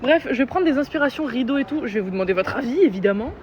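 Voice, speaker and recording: This young woman's voice sits high with lively intonation as she talks rapid-fire to her vlog viewers, playful and full of slang, asking for their opinions. It's shot on a handheld phone, and the audio is dull and lo-fi, with music behind her and slight background noise.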